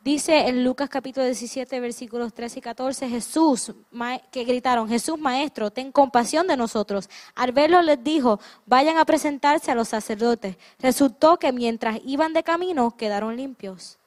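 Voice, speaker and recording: A woman's voice: high-pitched, normal speed, hardly any pauses. A woman interpreting a sermon phrase by phrase, restarting mid-word and hesitating as she searches for words.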